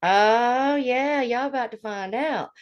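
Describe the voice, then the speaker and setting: A woman's voice: on the high side, slow pace, highs cut off. A woman co-hosting a livestream in casual, chatty talk, her voice running through a heavily compressed microphone. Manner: chatty, laughs often, loud bursts. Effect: heavily compressed mic. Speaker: livestream co-host. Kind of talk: casual chat. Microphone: streaming mic with compressor.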